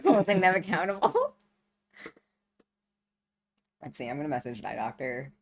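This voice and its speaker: A woman's voice: deep voice, sing-song, moderate pace. A woman co-hosting a game stream, chatting casually with a dry, teasing manner. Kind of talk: casual chat while gaming.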